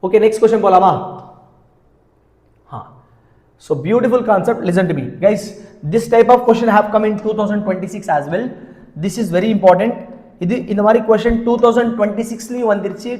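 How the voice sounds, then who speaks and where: A man's voice: sits high, a little mellow. A man with a South Indian accent teaching a live maths lesson, repeating himself and often checking with questions. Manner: repetitive, interactive, often asking check questions. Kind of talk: live exam-prep lesson, mixing English and Tamil. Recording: very echoey, reverberant room.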